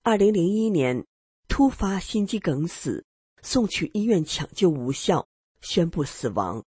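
沙哑气声的女播音员. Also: female voice, on the low side, very animated, unhurried, warm tone, breathy edge, dry recording. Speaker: radio story narrator. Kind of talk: scripted first-person narration.

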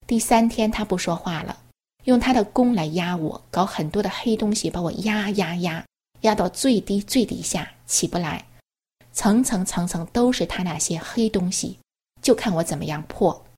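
A woman reading a first-person testimony aloud in an earnest, steady, plain storytelling manner. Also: mid-range voice, moderate pace, husky.

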